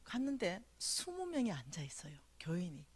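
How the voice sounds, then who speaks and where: A middle-aged woman telling a dream story in a revival sermon, animated, acting out the voices and often dropping to a whisper. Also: fairly low pitch, moderate pace, slightly rough. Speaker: revival speaker.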